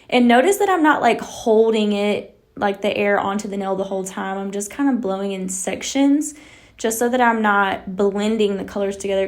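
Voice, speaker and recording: Chatty young woman with a drawl. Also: medium pitch. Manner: chatty, lots of "like" and "um" fillers. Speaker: nail technician. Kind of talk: casual tutorial voice-over.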